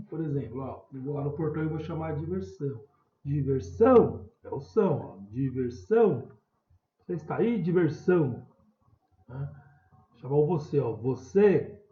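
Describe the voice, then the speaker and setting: Patient teacher, roomy dull recording. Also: male voice, medium pitch. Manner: patient, repeats words slowly, calls out stressed syllables loudly. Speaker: primary school teacher. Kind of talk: recorded remote class explanation.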